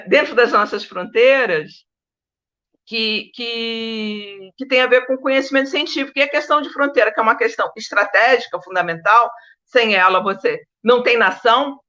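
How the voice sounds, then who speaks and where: A Brazilian historian of science speaks informally as a guest on an academic panel, in a fairly high, bright, forceful voice. She is emphatic and digressive, often checking that listeners are following. The sound is lo-fi.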